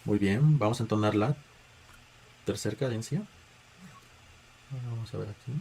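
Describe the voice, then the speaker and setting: A man's voice: on the low side, normal speed, vocal fry. A man gives a patient spoken music lesson, guiding students through chant tones with filler words and restarts. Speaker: music teacher.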